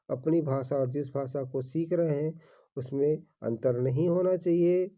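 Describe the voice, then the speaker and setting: A man's voice: fairly high pitch, mellow. A man teaching exam-prep questions, reading each question and repeating the answer while calling viewers his friends. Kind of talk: exam-prep quiz walkthrough. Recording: dull lo-fi recording.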